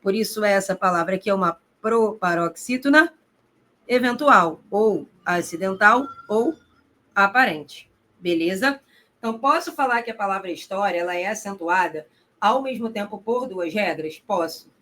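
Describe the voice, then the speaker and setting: Bright and forceful, with lively intonation at a medium pitch, a woman teaches Portuguese grammar in a recorded lesson for exam prep. She talks straight to the student, asks herself rhetorical questions, and draws out important terms slowly to stress them.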